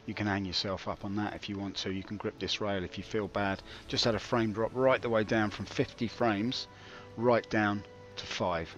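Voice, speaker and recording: Rambling, dryly comic man, slightly low voice. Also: a bit bright, muffled recording. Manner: dry, self-mocking, digressive. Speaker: gaming video host. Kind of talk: rambling, comic game commentary.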